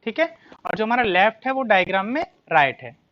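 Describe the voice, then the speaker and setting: A biology teacher giving an exam-prep lecture, asking rhetorical questions and answering them, repeating key terms and reading questions out slowly. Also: mid-range voice, sing-song, muffled recording. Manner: reads English questions slowly, explains in Hindi.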